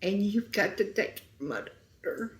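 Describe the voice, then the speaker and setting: A middle-aged woman telling a painful story as an interview guest, speaking softly and sometimes near a whisper. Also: mid-range voice, animated, normal speed. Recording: roomy echo.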